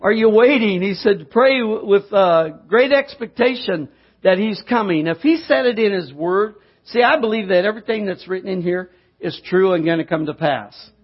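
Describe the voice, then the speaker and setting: A man's voice: high-pitched, expressive, moderate pace, husky. A middle-aged man preaching a sermon, telling a homespun story and building to fervent exhortation. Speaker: pastor. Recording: dull lo-fi sound.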